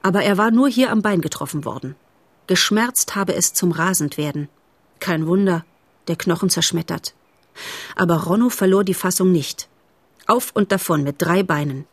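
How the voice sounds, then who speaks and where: A woman reading a children's novel aloud as narrator, in a steady, expressive storytelling manner. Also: on the low side, normal speed, no echo.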